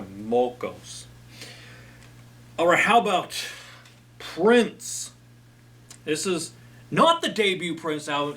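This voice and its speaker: Bright-voiced man rambling about records. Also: fairly high pitch, far from the mic. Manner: enthusiastic, rambling with many fillers. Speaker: host. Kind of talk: casual talk about records.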